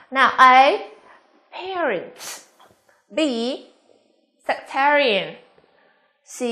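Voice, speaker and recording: A woman's voice: sits high, sharp tone. Vietnamese woman teaching English pronunciation. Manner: slow, drawn-out modeling of words, quizzing students. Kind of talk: classroom pronunciation lesson.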